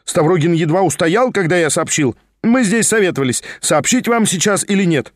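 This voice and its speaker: A man voicing a fast-talking, scheming young nobleman who chatters and insists without pause. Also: high voice, expressive, no echo, clean studio sound. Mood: chattering.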